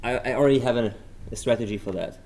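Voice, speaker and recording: A man's voice: mid-range voice, fast, a little mellow. A man with a German accent commentating a live competition stream, explaining things eagerly with many fillers and restarts. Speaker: livestream commentator.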